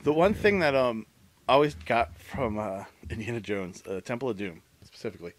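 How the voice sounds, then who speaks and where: A man's voice: mid-range voice, lively intonation, a little fast. Profane joking man on a podcast. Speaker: podcast co-host. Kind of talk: casual chat.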